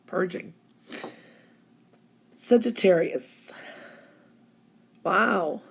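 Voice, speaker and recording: Speaking very slowly in a mid-range voice that's gravelly with a breathy edge, a woman with laryngitis gives a weekly tarot-style fortune reading. She's a psychic, hoarse but chatty and comforting, with a habit of repeating "okay."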